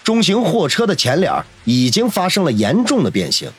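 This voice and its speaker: A man's voice: on the high side, huge pitch swings, normal speed, slightly rough. Dramatic male audiobook narrator. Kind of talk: scripted novel narration.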